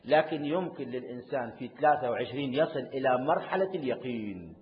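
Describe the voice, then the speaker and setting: A middle-aged man with an Iraqi Arabic accent preaching a religious sermon, passionate, swinging from loud outbursts to hushed, sorrowful tones. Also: medium pitch, expressive, fast talker. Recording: tinny phone-like sound in a reverberant hall.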